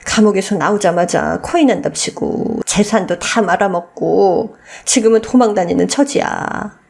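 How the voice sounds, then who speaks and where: For a radio story, an older woman voices a shameless, scornful old mother-in-law who wheedles and begs, stretching out her emphatic words. Her voice sits at medium pitch with some vocal fry.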